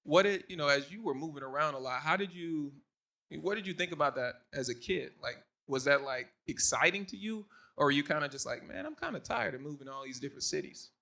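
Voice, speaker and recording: A man's voice: on the high side, animated, fast, vocal fry, sharp tone. A man hosting a casual onstage interview, calling to the crowd as y'all in an upbeat way. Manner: hyped, addresses crowd as y'all. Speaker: interview host. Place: stage before a live audience.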